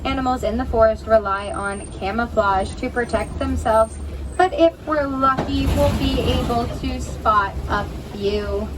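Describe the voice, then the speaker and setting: High-voiced American woman guide, distant and noisy. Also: a little slow. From Pennsylvania, United States. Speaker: safari ride guide and driver. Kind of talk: spoken tour commentary to passengers. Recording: distant, noisy recording aboard a rumbling truck.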